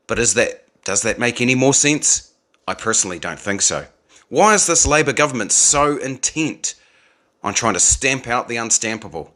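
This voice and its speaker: A man's voice: mid-range voice, bright, forceful tone. A man in his forties with a New Zealand accent, delivering an indignant opinion monologue full of rhetorical questions. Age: 40s. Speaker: political commentator.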